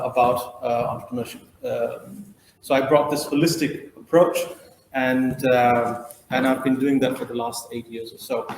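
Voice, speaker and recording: A man's voice: mid-range voice, a little hiss or hum. A middle-aged man who grew up in India, giving a training lecture and explaining his ideas as he thinks them through. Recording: roomy echo.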